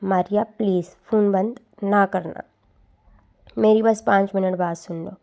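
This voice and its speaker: A woman voicing a gentle, lovesick young man who speaks softly and pleadingly. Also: mid-range voice, steady tone, vocal fry, natural voice. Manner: soft and pleading.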